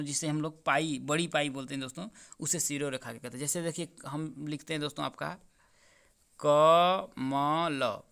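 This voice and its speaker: Going over an exam paper's solutions, this teacher keeps repeating questions to his students and addresses them as friends. He speaks with a higher, somewhat bright voice and a clean tone.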